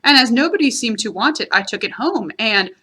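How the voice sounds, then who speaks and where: Woman voicing pompous Owl, lively and high. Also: husky, heavily acted. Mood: chatty, proud. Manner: drawn-out, emphatic explaining with long words. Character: wordy, pedantic, self-important male owl.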